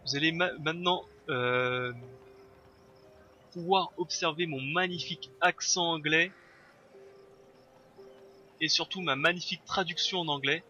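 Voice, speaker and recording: A man with a very bright, somewhat high voice chats through his let's play, thinking aloud and hesitating often. The sound is slightly dull and lo-fi, with faint noise underneath. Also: a little slow, pauses often. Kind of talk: casual gameplay commentary.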